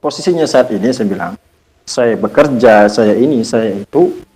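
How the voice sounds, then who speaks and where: A man's voice: lowish voice, animated, moderate pace, darkish tone, poor audio. A young man, a guest on a podcast, telling a personal story in an earnest, reflective way and often quoting himself. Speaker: podcast guest, Islamic teacher. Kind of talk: casual storytelling in conversation.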